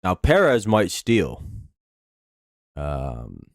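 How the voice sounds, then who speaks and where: An American man hosts a casual sports live stream in a low voice, recorded dry and close. His s sounds whistle with a slight lisp from false teeth. He rambles through play-by-play and chat like a fan, swearing as he goes. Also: wildly swooping pitch, extremely slow, creaky, no room sound. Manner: rambling, profane, laid-back fan talk.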